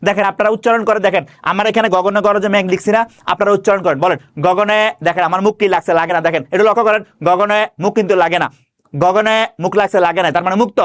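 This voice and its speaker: High, fast-talking teacher. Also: male voice, steady tone, fairly bright tone. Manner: asks questions and answers them himself, repeats key words; stretches words slowly when demonstrating pronunciation. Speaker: Bengali grammar teacher. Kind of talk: classroom-style grammar lesson.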